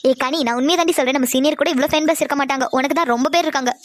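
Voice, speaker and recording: A teasing, laid-back college girl, as a woman voices her in a cartoon drama, pitched well below the other girls, still brisk. She ribs her friend easily and tells her to calm down. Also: slight background noise, close to an everyday voice. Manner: teasing, easygoing.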